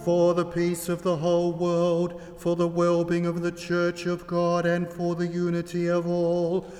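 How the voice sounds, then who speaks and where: A man chanting a liturgical litany in a steady monotone, heard with a cathedral echo. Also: high voice, unhurried. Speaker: liturgical leader. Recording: long church reverb with loud music.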